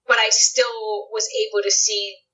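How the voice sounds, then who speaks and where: Woman guest telling stories, bright edgy voice, kinda muffled lo-fi audio. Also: mid-range voice, flat delivery, unhurried. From United States. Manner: reflective, storytelling with many fillers. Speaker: guest actress. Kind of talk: casual interview conversation. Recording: dull lo-fi podcast audio.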